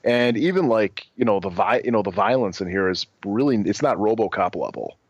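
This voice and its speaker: A man with a fairly low voice co-hosts a casual film review podcast, rambling through his thoughts with plenty of fillers and restarts. The recording is dull and lo-fi, with a dry, close sound and no room echo. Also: lively intonation, fairly quick, slightly rough. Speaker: podcast co-host.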